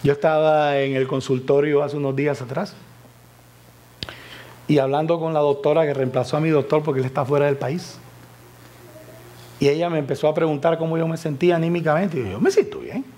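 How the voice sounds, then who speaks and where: Fervent preaching man, fairly high voice. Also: flat delivery, fairly quick, long pauses. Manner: fervent, swings from loud exclamations to soft near-whispers. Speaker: evangelist preacher. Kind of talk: sermon. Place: church.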